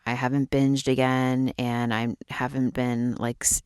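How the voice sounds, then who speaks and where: Young woman vlogger talking real quiet at night, super low voice, dry close closet sound. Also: little pitch movement, unhurried, clear, resonant tone, no echo. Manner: quiet, hushed night-time talk so as not to wake a sleeper. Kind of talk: personal vlog talk to camera. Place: closet, small indoor space.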